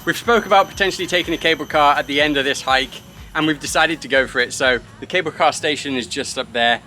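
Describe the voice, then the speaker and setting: Young travel vlogger, bright and a bit high, upbeat chatty host on a handheld camera. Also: male voice, fast talker, soft background music. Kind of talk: casual vlog narration. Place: outdoors and in a cable car.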